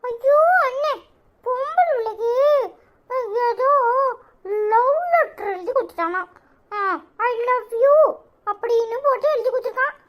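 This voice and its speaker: A squeaky, sky-high cartoon villager with a Tirunelveli Tamil accent. He teases in a giggly, sing-song way. It sounds like a playful animated comedy short. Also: measured pace. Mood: teasing, giggly. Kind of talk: cartoon voice acting.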